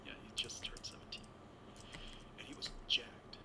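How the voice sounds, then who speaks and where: A man in his sixties, born in Taiwan, whispers at normal speed. Appearing as an interview guest, he rambles through a long personal anecdote and often stops to correct himself.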